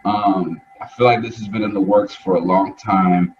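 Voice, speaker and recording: A man's voice: low voice, fairly even intonation, moderate pace. A man hosting a casual livestream interview, laid-back and slangy in the way he talks. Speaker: interview host. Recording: distant, dull audio with faint noise.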